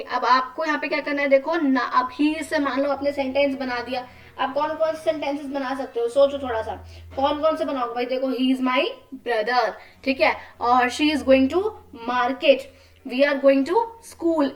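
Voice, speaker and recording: Indian lady teacher explaining to kids, high voice, mic kinda far off. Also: unhurried. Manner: patient, checks in with questions. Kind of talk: explaining a lesson to children.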